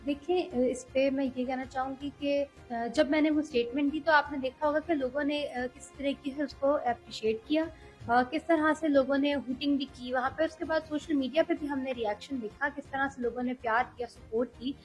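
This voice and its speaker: High-voiced young woman, earnest interview guest. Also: steady tone, a little mellow, faint music behind, low-quality recording. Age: young adult. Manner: earnest, measured, frequent hesitations. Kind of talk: political interview.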